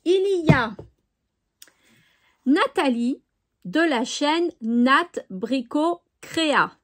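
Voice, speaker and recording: Cheerful high-voiced woman, slow. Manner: chatty, cheerful, says "hop" while sorting. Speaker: scrapbooking YouTuber. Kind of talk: casual vlog chat.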